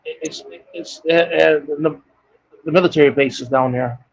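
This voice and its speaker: A man chatting casually in a halting way, repeating himself as he goes. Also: on the high side, vocal fry, no echo, dull audio. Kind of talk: casual group chat.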